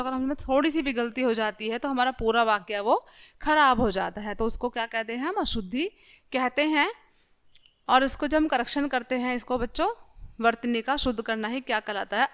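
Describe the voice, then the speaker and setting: A woman teacher with a clear, smooth, fairly high voice walks young children through a lesson. She explains patiently, reads examples aloud and corrects them one by one. The voice is recorded close to the mic as a voice-over. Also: fairly quick, fairly bright tone.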